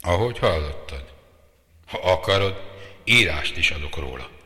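A man's voice: low voice, lively intonation, pushed and bright. A man doing a bitter, cold brother. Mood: curt. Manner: harsh, curt, dismissive. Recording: long reverb.

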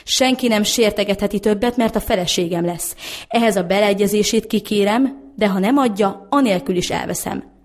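A woman's voice: mid-range voice, lightly acted. A woman reading the lines of a determined young baker's son who defends the girl he loves. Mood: defiant. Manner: earnest, determined, pleading. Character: young man, earnest baker's son in love.

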